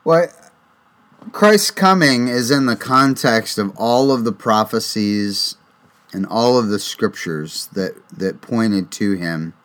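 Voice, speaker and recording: A man on a theology panel who explains deliberately, repeating phrases as he builds his point. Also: fairly low pitch, fairly bright tone.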